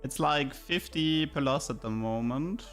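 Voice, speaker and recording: A man's voice: fairly high pitch, measured pace, a bit bright. German-accented male streamer over music. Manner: thinks aloud, repeats words. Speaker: game streamer. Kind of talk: casual live gameplay commentary and chat.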